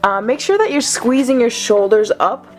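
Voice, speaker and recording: A woman's voice: on the high side, big pitch swings, moderate pace. A young adult woman talking informally and chattily as a fitness vlogger, with some self-deprecating asides. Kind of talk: casual instructional vlog talk.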